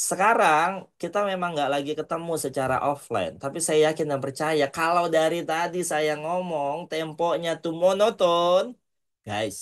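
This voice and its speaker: A man giving an online public speaking lesson to university students, casual and lively, slowing down for dramatic pauses and sprinkling in English words. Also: fairly high pitch.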